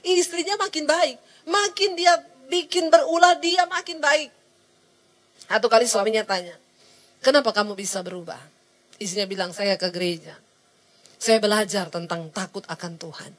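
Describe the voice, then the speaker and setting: A woman's voice: sits high, animated, normal speed, long pauses. A middle-aged woman, preaching a sermon to a women's service, telling a story and acting out its people, with frequent call-outs to the congregation. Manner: acts out the people in her story.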